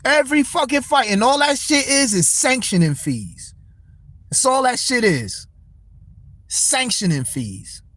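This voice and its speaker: A man's voice: very high voice, big pitch swings, unhurried, fairly bright tone, no echo. A young man hosting a casual boxing talk livestream, speaking, blunt and profane as he answers his chat. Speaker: livestream host.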